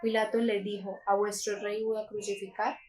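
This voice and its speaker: A woman from Colombia reading a Gospel passage aloud in a calm, measured way, with a few small slips. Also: mid-range voice, a little hiss or hum, low-quality recording. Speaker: scripture reader.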